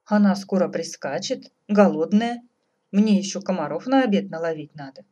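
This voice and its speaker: Earnest young tsarevich, steady and stubborn, voiced by a woman. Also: on the low side, moderate pace, muffled recording.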